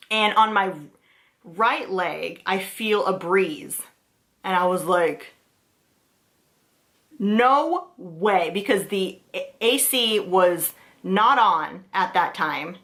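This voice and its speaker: A young woman casually telling a personal ghost story to camera, animated and jumping up in pitch when she quotes herself.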